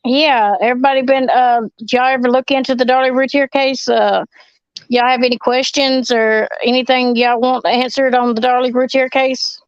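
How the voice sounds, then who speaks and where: A woman with a Southern US accent hosting a casual livestream chat, blunt and slow-spoken. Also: high-pitched, level tone, clean tone, no room sound, muffled recording. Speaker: host.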